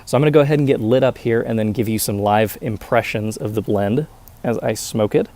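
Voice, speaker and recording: A man talking casually to viewers as a reviewer, explaining methodically with hesitant pauses. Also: on the low side, warm tone. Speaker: pipe tobacco reviewer.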